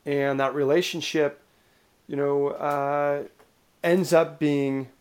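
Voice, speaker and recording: A middle-aged man being interviewed who talks loosely, with frequent restarts and lively anecdotes. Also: fairly high pitch, slow, clean tone. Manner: rambling, restarts often, lively storytelling. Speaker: interview guest. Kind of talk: casual conversational interview.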